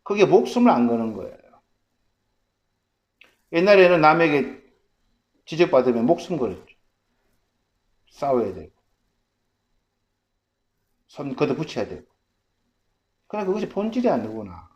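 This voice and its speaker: Male pastor, sermon delivery: lively, swooping preacher's voice, emphatic rhetorical questions, dull muffled recording. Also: on the high side, moderate pace, pauses often.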